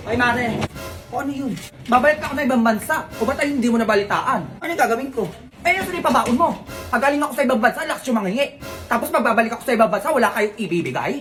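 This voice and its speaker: Brief: woman, slightly high voice, playful gossipy banter for a comedy skit. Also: expressive, very fast, over music. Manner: teasing, bantering gossip talk. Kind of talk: comic sketch acting.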